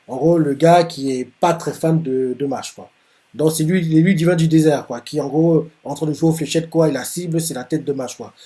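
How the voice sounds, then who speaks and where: A man's voice: on the high side, dark tone. A man casually retelling a manga chapter, rambling with many fillers and restarts. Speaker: manga reaction host.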